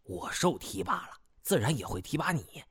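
Man voicing a fawning boastful detective, lively. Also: mid-range voice, moderate pace, no echo, studio quality. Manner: flattering and self-promoting.

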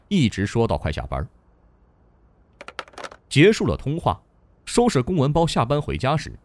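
A man narrating a novel in an expressive storytelling manner. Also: medium pitch, dry recording. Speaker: audiobook narrator.

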